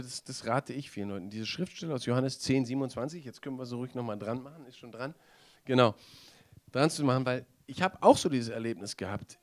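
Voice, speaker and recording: A male preacher speaks in a conversational, mid-pitched voice that moves between loud, emphatic points and soft asides. He keeps checking in with his listeners and laughs along with them. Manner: conversational, lively, asks the audience questions. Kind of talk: sermon.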